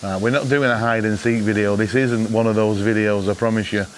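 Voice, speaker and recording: Talking to camera, a British man shares travel gadget tips with wry, mock-exasperated humor. He speaks a little fast in a fairly low, steady voice, and the rough recording carries a bit of hiss or hum.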